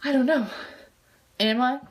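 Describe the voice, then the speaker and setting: A woman's voice: high-pitched, fairly even intonation, a little slow. A teenage girl chatting casually to camera in a vlog, rambling with lots of fillers and restarts. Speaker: vlogger. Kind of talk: casual chat.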